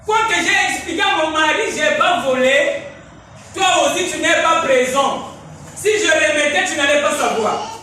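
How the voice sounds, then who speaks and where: A man preaches in a very high, bright and forceful voice, pressing his points with shouts and repeatedly asking his listeners if they follow. He sounds distant from the microphone in a strongly echoing room, with faint noise behind him. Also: normal speed. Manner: emphatic preaching, often shouting and checking in with listeners. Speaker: pastor. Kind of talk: sermon. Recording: echoey room, mic far off, faint noise.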